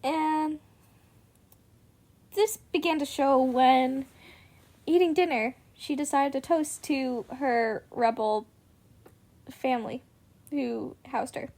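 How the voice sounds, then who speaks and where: A young woman recaps a novel in a relaxed, chatty way and drops "like" into nearly every sentence. Her voice sits a little higher than most women's. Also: takes it slowly, pauses often. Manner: chatty retelling with many "like" fillers. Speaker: book reviewer. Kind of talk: casual book recap.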